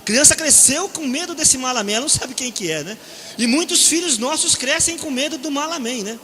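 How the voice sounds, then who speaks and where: A man's voice: extremely high pitch, brisk, a little hiss or hum. A middle-aged man with a Brazilian Portuguese accent preaching at a seminar, telling stories with jokes and keeps asking his audience "né?". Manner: animated, jokes and acts out quoted voices, keeps asking "né?". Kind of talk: humorous storytelling sermon. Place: church or seminar hall. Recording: echoey hall.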